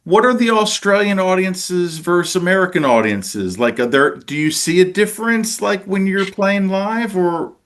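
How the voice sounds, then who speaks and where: A man's voice: high-pitched, normal speed, hardly any pauses, fairly bright tone. A man hosting a podcast interview over a video call, enthusiastic, with stumbling restarts. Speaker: podcast host. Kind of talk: casual interview and sign-off.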